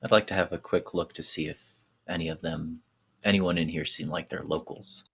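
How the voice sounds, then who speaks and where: A man's voice: very deep voice, fairly even intonation, normal speed, vocal fry, fairly bright tone, husky. A man playing in a casual tabletop game, blunt and joking. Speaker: player.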